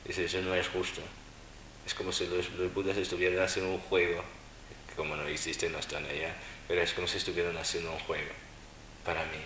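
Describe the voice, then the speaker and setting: A man's voice: low-pitched, little pitch movement, quick pace, bright, forceful tone, a little hiss or hum. A man giving a Buddhist dharma talk, teaching with wry, mocking asides. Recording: roomy echo with faint ambience.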